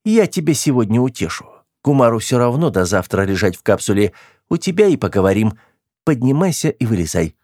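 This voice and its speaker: Male reader as stern young woman, commanding and mocking; pitched well above his own voice, dry. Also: big pitch swings, a little fast, darkish tone, no room sound. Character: stern, bossy young woman crew member.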